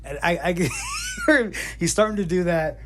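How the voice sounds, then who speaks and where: A man's voice: high voice, wildly swooping pitch, moderate pace, noisy background. Brief: middle-aged man, loose foul-mouthed storyteller, laughs through his anecdotes, phone-recorded chat. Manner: profane, rambling, laughs often. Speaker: father telling stories to his son. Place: home in North Georgia. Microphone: iPhone.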